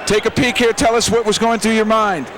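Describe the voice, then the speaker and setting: A man's voice: high-pitched, little pitch movement, fairly quick. A man doing live sports analysis and interviewing as a fight commentator. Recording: noisy arena with crowd behind.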